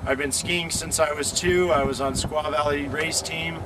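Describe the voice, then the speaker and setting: A man's voice: on the high side, fairly even intonation, normal speed. A man from the Lake Tahoe area of California, talking casually as an extreme sports athlete being interviewed outdoors, rambling with slang and lots of fillers. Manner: rambling, laid-back, surfer slang with many fillers. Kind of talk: casual chat. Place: outdoors beside a motorcycle. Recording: noisy outdoor recording with traffic.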